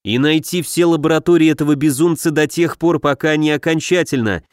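Man doing a brisk young elf archer. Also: a little high, no room sound, studio quality, natural voice. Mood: brisk urgent. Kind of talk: audiobook narration.

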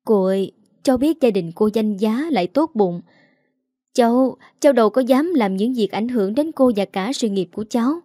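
A tearful young model voiced by a woman, stammering out excuses and begging in a slightly raised, quickening voice. The tone is mellow and the recording dry. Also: a little high, animated, no room sound. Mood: pleading tearful. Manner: sobbing, pleading, stammering. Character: young female model, tearful, pleading, evasive.

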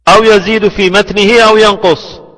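A male scholar giving a slow, deliberate classroom lesson on hadith terminology, repeating phrases so students can write them down. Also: high-pitched, level tone, a bit bright, in a large hall, low-quality recording. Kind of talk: slow classroom lecture with repetition for dictation.

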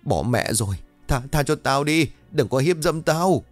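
A man's voice: lowish voice, animated, normal speed, darkish tone, no room sound, faint music behind, lightly acted. A man voicing a frightened old father who whimpers and pleads, in a told ghost story. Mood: panicked.

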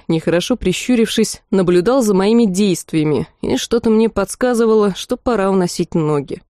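A woman narrating a fantasy audiobook in the first person, in a lively, expressive reading style. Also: fairly low pitch, dry recording, clean studio sound.

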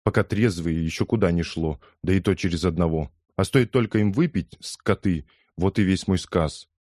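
In a dry, studio-quality recording, a man with a low, darkish voice speaks at a normal speed. He's doing an audiobook character voice, playing an outraged older woman, a loud, gossiping mother who scolds and rambles indignantly.

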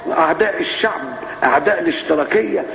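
A man with an Egyptian accent voicing a pompous male prosecutor who rants in high-flown rhymed oratory, recorded on dull old tape in an echoey mosque hall. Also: fast talker, creaky, a bit bright. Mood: ranting.

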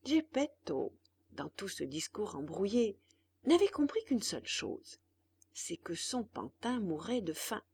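A woman narrating a classic children's tale in an expressive, unhurried way. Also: mid-range voice, breathy edge. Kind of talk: storybook reading.

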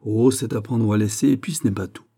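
A haughty, scheming duchess, read by a man in an audiobook, teasing and bargaining with a cool edge. The voice underneath stays very dark and mellow, lifted only a little toward a lady's register. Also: on the low side, quick pace, breathy edge. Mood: mocking. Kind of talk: audiobook character reading.

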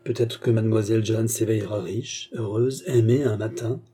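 A man's voice: fairly low pitch, steady tone, normal speed, breathy edge. A man reading the lines of a kindly, reassuring old former hussar captain. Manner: gentle, reassuring.

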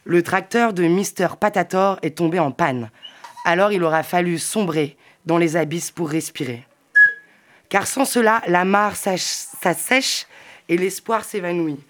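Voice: medium pitch, measured pace, fairly bright tone, slight background noise. A voice declaiming absurd rambling verse. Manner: rambling, absurd, half-sung poetic declaiming. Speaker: participant reading on an event radio. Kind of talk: reading surreal poetic text. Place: makeshift radio at a summer gathering.

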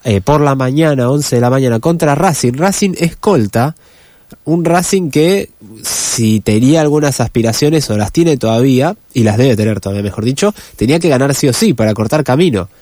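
A man with a Rioplatense accent, hoarse from a cold, giving a brisk sports report as radio co-host. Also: mid-range voice, expressive, a little mellow, no room sound, clean studio sound. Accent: Rioplatense Spanish. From Argentina. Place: radio studio.

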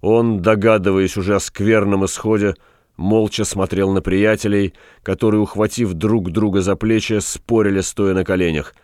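A man reading literary prose in a measured, even storyteller's voice. His voice sits very low. The recording is dry, with no room sound. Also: no echo. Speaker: audiobook reader. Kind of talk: scripted literary narration.

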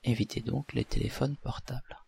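A man, a hypnotherapist leading a relaxation session in a deliberate, soothing, breathy voice with pauses. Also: mid-range voice, steady tone, darkish tone. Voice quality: breathy, husky, at times near whisper.

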